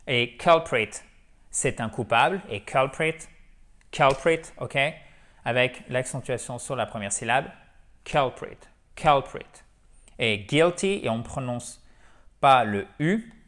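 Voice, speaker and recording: A man who speaks natively, teaching English in a lively, chatty way and drilling words over and over. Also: medium pitch, unhurried. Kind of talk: French-language English lesson.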